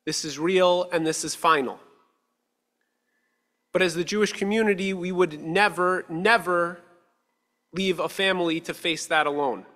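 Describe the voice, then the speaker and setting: A male rabbi in his thirties giving a measured, earnest sermon at a lectern with a stand mic, slowing down for emphasis. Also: high voice, steady tone, a bit bright. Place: synagogue sanctuary, at a lectern. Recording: long reverb of a sanctuary hall.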